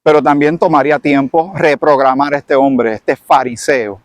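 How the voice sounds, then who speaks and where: A man's voice: mid-range voice, fairly even intonation, normal speed, dry recording. A man teaching from the Bible in a sermon style, retelling the scene dramatically and acting it out. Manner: dramatic storyteller who acts out the scene.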